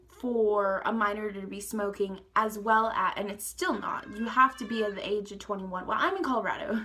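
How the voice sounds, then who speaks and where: A young woman recounts a wild story straight to camera. Her voice is bright, and she rambles, swears freely and keeps breaking into laughs. It sounds like an informal storytime vlog. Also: mid-range voice. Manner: rambling, profane, laughing, lots of "like" and "guys". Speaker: storytime vlogger.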